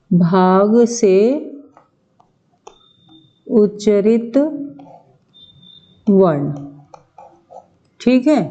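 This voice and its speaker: A woman's voice: a little high, dark tone, lo-fi sound. A woman teacher giving an exam-prep grammar lesson, asking questions and answering them herself, with frequent check-ins to the class. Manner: slow, drawn-out explaining, asks and answers own questions.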